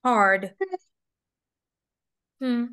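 With a fairly high, steady voice that is clear, resonant and a bit bright, a young English teacher draws out her words during a mock speaking test. She coaxes patiently, repeating questions and key words over and over in slow, repetitive questioning.

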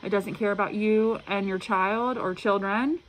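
A woman's voice: medium pitch, steady tone. Woman muffled through a face mask, background noise. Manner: halting, earnest, repeats words. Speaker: tarot reader. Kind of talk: casual spiritual tarot reading to camera. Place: indoor room at a table. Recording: clearly noisy room recording.

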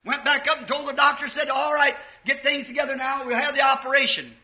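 A man preaching with heartfelt fervor, his voice sitting very high and ringing bright. He tells his story with surging emotion that breaks into shouts. The old recording sounds muffled and roomy, as if taped in a large hall. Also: level tone, moderate pace. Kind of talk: fervent sermon storytelling.

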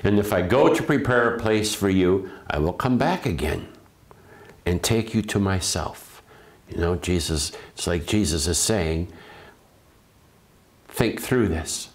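A priest delivers a funeral homily in a gentle, reflective way. His voice sits very low, and he speaks slowly and deliberately, pausing and restarting as he gathers his thoughts.

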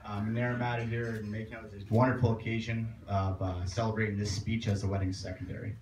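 A young man giving a joking, teasing wedding toast as best man, roasting the groom with pauses between lines. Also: lowish voice, flat delivery. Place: outdoor garden tent at a wedding reception. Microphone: distant camera. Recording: roomy, far mic, loud laughing crowd noise. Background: guests laughing, loud ambient noise.

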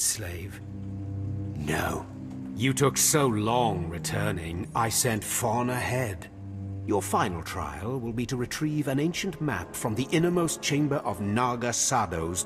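A scornful Sith overseer barks cold orders in a space fantasy game. The voice sits low and steady, each word laced with contempt. Faint music plays underneath. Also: male voice. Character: harsh male Sith overseer, contemptuous bully. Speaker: academy overseer.

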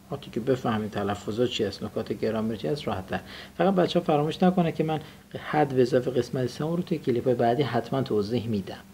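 Man teaching a lively vocabulary class. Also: medium pitch, slight background noise. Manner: explains grammar and drills students to repeat phrases. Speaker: English teacher.

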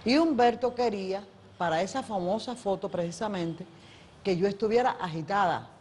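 A woman's voice: medium pitch, normal speed, a little hiss or hum. A woman, an actress, telling a story in a documentary interview, acting out other people's lines as she goes. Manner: lively storyteller who acts out others' voices. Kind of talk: animated anecdote telling.

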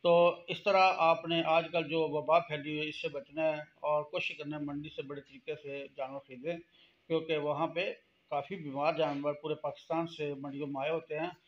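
A middle-aged man, giving earnest farming warnings to camera in a casual vlog, often hesitating with drawn-out pauses. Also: fairly high pitch, little pitch movement. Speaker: farming channel host. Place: small indoor room. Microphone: phone held close to face. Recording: dull lo-fi phone audio.

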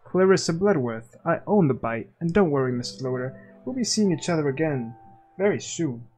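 Menacing woman club owner, played by a man, soft-spoken, threatening, slightly high voice. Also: lively intonation, moderate pace, close to an everyday voice.

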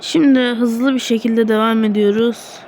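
An excitable woman narrates her football game as she plays, groaning and crying out at every miss. Her voice sits a little high and has a gravelly edge. A faint hiss runs under the recording. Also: a little slow. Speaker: gaming streamer. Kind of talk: live gameplay commentary.

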